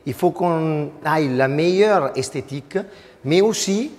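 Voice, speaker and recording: A man's voice: a little high, lively intonation, unhurried, a little mellow, long reverb tail. A man who is an acoustic engineer, explaining things plainly as a tour guide, with some hesitations.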